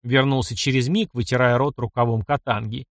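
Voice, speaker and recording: A man reading a dark fantasy audiobook with expressive narration. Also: mid-range voice, brisk, no room sound, studio quality.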